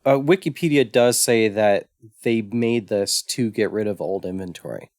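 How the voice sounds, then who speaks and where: A man's voice: lowish voice, lively intonation, moderate pace, a little mellow, no echo, clean studio sound. A man co-hosting a casual retro gaming podcast, easygoing and stumbling over his words. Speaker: podcast co-host. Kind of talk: casual chat.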